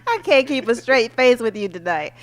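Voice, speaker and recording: A woman's voice: on the high side, lively intonation, normal speed. A woman hosting a talk show who affirms her guest often and laughs easily. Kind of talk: casual chat.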